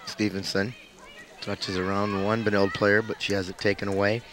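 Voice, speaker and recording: A middle-aged man with a squeaky voice giving terse, matter-of-fact live soccer commentary outdoors. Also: flat delivery, moderate pace. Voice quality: squeaky voice with throat-clearing. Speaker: soccer play-by-play announcer. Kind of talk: live local sports commentary. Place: outdoors at an evening soccer field. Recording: noisy outdoor field recording.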